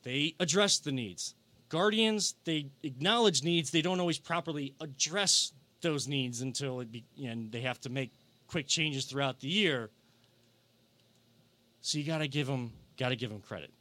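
A young man hosting a casual sports podcast, energetic and given to repeating himself. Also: medium pitch, normal speed. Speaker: podcast host.

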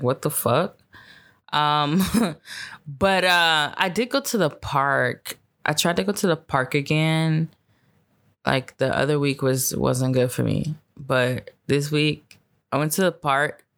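A woman's voice: very deep voice, gravelly. A woman hosting her own podcast in a casual solo chat, tired, swearing heavily and rambling in laid-back slang with lots of fillers. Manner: laid-back, unhurried talk with frequent fillers. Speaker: podcast host.

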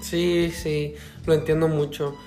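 A man's voice: a little high, little pitch movement, slow, darkish tone, soft background music. A Mexican man with a Mexican accent co-hosting a podcast, joking and using lots of slang in casual chat. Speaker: podcast co-host.

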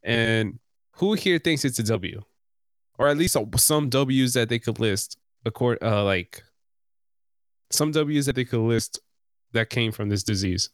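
A man's voice: medium pitch, animated, a little slow, dry recording. Young man hosting, very dry sound. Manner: slangy, loose. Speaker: host of a casual podcast. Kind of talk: casual group discussion.

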